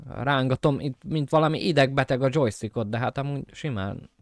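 A man giving casual let's-play commentary, joking to his viewers and breaking into excited yelps and shouts at the game. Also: mid-range voice, dry recording, clean studio sound, soft background music. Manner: jokey self-talk to viewers. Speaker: gameplay commentator.

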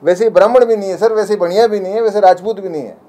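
A man's voice: high voice, warm tone. A young man speaking to the press as a community spokesman, pleading and indignant. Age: young adult. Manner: pleading, indignant, rapid and emphatic. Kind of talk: impassioned press statement.

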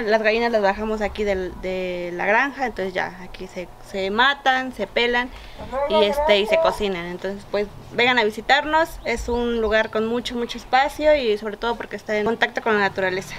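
Oaxacan lady chef, kinda high voice, lots of ums, faint outdoor hiss. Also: a bit bright. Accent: Oaxacan Mexican Spanish. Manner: hesitant, plain-spoken, many fillers. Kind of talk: casual interview. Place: outdoor garden.

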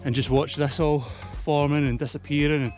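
A Scotsman in his thirties chats casually to camera while hiking outdoors on a mountain, a little out of breath and speaking a little fast. His slightly high, a little mellow voice keeps a fairly even intonation, with faint music behind.

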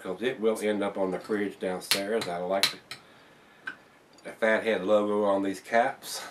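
A man's voice: on the low side, recorded from a distance, background noise. An older man casually reviewing a beer to camera in his home bar, rambling with fillers and restarts. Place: home bar room, indoors.

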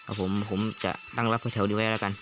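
A young man casually commentating a strategy game, excitable and swearing at times. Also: fairly low pitch, fast. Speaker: gaming YouTuber. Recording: loud background noise.

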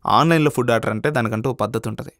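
An actor playing a scheming young bachelor in a comedy web series, laying out plans step by step. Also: male voice, mid-range voice, rapid-fire, a bit bright, dry recording, clean studio sound, natural voice. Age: young adult. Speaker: bachelor roommate.

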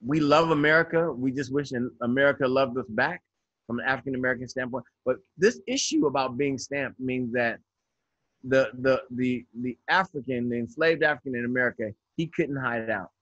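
A man in his fifties, a guest educator, speaks in an interview over a video call, sounding earnest and reflective and often restarting his phrasing. His voice is medium in pitch, a bit bright, and moderately paced. He's indoors by a window on a video call webcam, and the audio is dull with no room sound.

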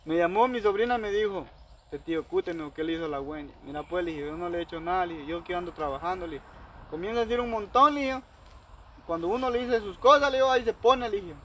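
A man's voice: sits high, fast talker, fairly bright tone, lo-fi sound, a little hiss or hum. A man telling a long personal story in casual talk, acting out both sides of the conversation. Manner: rambling, heavy use of quoted dialogue. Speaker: storyteller recounting a personal dispute.

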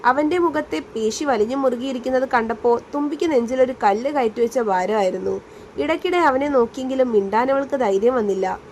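A woman reading a serialized romance story aloud as a storyteller, in a steady storybook narration. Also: high-pitched, brisk, a little hiss or hum.

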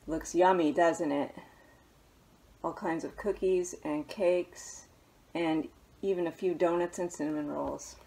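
In a small living room, a thirty-something children's librarian gently reads a picture book aloud, softly adding hushed remarks. She speaks unhurriedly with a fairly low voice and fairly even intonation, and the audio quality is poor.

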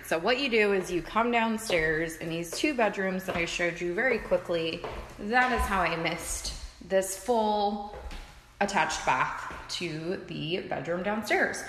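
Bright-voiced woman touring an empty house. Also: fairly high pitch. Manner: upbeat, chatty. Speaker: realtor. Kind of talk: home tour vlog. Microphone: phone held at arm's length. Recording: echoey empty rooms, faint noise.

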